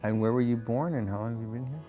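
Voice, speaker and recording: A man's voice: mid-range voice, fast talker, mellow. A man hosting a TV talk show, presenting in a scripted, upbeat way and then asking questions more casually. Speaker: show host. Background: faint background music.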